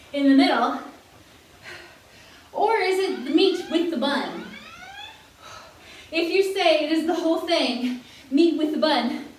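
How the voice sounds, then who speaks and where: A woman with a high, bright voice leads a seniors' exercise class at an unhurried pace. She chats and jokes between cues, and her voice sounds far from the mic in a very echoey room with a faint hiss. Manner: chatty, laughing, counting out moves. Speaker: fitness instructor. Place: fitness room.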